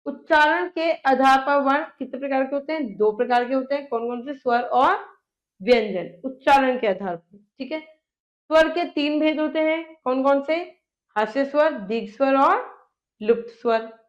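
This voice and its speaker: A woman's voice: high voice, moderate pace, dull audio. A woman teacher giving a grammar lesson, sounding out letters one by one and often checking in with her students. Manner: often checks in with "theek hai".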